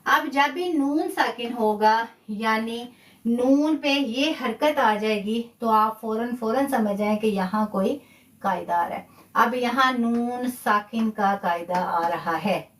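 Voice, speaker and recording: A woman's voice: on the high side, takes it slowly, roomy sound, recorded from a distance. A woman with a Pakistani Urdu accent, patiently teaching a live online Quran recitation lesson, repeating key points and praising her students' answers.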